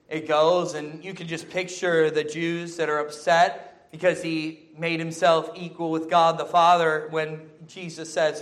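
A man's voice: fairly high pitch, a bit bright. A man preaching a sermon, exhorting emphatically with repeated short phrases and rhetorical questions.

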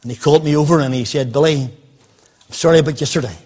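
An older preacher speaks quickly in a slightly high, darkish voice that sounds a little rough. His sermon centers on a personal story, told as an anecdote with the dialogue of the people involved quoted directly.

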